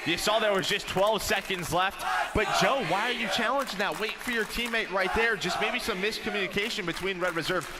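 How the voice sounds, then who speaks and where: A man's voice: high-pitched, brisk, hardly any pauses, a loud crowd, heavy background noise. A man giving esports caster commentary, explaining the plays in a direct, analytical way. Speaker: esports analyst caster, former pro player. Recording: loud music under the voice. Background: loud music.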